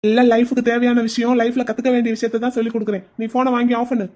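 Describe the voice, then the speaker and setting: A woman's voice: on the high side, level tone, warm tone, close to an everyday voice. A woman voicing a cheeky young uncle in a cartoon who talks in a teasing, breezy way. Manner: teasing, breezy, fast-talking. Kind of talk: cartoon voice acting.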